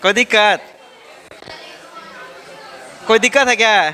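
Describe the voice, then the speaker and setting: A man's voice: high voice, slow, pushed and bright, some chatter behind. A man teaching organic chemistry to a class, drilling students with repeated check-in questions and teasing them playfully. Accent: Indian. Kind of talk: classroom lecture.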